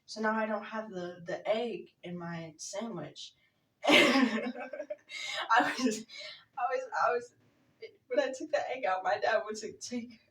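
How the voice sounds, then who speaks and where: Giggly woman rambling through a story. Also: medium pitch. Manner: giggly, rambling, frequent fillers. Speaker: vlogger telling a story. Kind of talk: casual storytime. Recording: roomy echo, mic at a distance.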